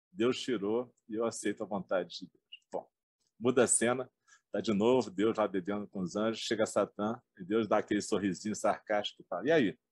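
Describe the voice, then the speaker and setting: A man's voice: lowish voice, breathy edge, no room sound. A middle-aged man teaching a class, retelling a story in a colloquial, joking way and acting out the characters' lines. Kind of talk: informal lecture retelling a story.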